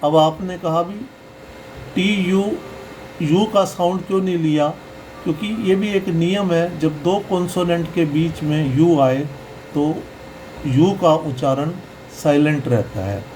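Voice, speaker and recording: A man teaching pronunciation in a slow, explanatory lesson, patiently repeating each sound. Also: on the high side, mellow, slight background noise, poor audio.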